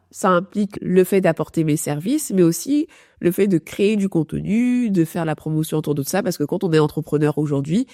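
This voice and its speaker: Female podcast host, informal talk, soft dark tone, slightly low, robotic artifact on the voice. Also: no echo, clean studio sound. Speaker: podcast host, productivity coach.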